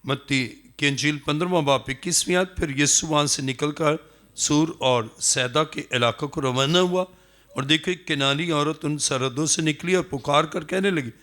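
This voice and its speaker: Preaching with a sharp tone, this pastor speaks with a Pakistani Urdu accent and great emphasis. He voices the characters in his story, letting his pitch swing as he acts out their words.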